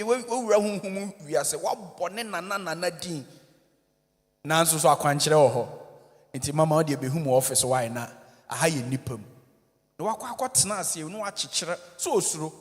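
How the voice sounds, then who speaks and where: A man with a Ghanaian accent, a church minister giving an animated, joking conference talk that switches between English and Twi. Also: sits high. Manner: animated, joking, code-switching, addresses audience directly. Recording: long reverb of a large hall.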